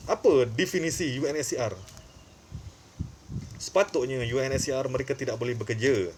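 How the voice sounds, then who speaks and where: The host of an online commentary channel, a man with a Malaysian accent, gives informal, opinionated commentary emphatically and repetitively, with frequent short filler tags. His voice is medium pitched and fairly quick, with background noise.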